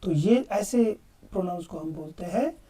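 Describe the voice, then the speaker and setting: A man's voice: high-pitched, expressive, moderate pace, dark tone, husky, far from the mic. A man teaching English grammar in a classroom-style lecture, explaining emphatically and addressing students fondly as children. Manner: emphatic, calls students "beta", mixes English examples into Hindi.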